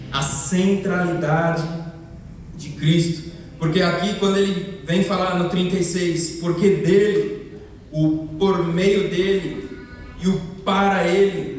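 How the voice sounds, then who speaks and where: A man from the interior of São Paulo state, speaking with a Brazilian Portuguese accent, preaches an expository sermon in a high-pitched, slightly mellow voice, building up to emphatic proclamations. He's recorded from a distant mic in an echoey church hall, with faint noise.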